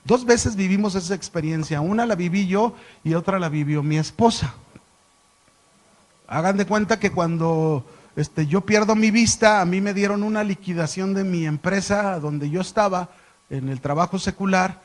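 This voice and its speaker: A man's voice: sits high, moderate pace. A middle-aged man, a pastor teaching a sermon and telling stories with questions to the congregation.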